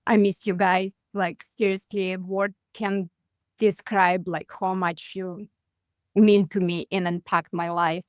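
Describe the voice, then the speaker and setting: A woman in her forties from Russia with a Russian accent, chatting as a guest on a video call, halting and full of fillers. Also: fairly low pitch, level tone, clean tone, no room sound. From Russia (far east). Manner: halting, many "like" fillers, simplified grammar. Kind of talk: casual interview over video call.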